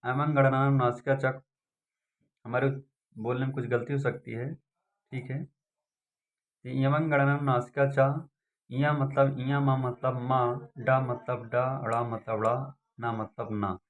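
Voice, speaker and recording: A man teaching an exam-prep lesson, repeating points and asking and answering his own questions. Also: medium pitch. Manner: repetitive, drilling, asks and answers own questions.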